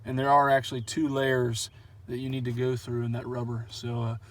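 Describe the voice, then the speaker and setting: This is a man of medium pitch talking fairly quickly as he demonstrates a truck install outside. His manner is easygoing and folksy, and "uh" fillers come up often.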